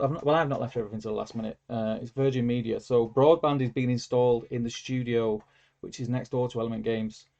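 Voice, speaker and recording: On a casual livestream with lo-fi audio, a man of medium pitch and darkish tone reads out viewer comments. His delivery rambles and is packed with fillers, and he hums while scrolling.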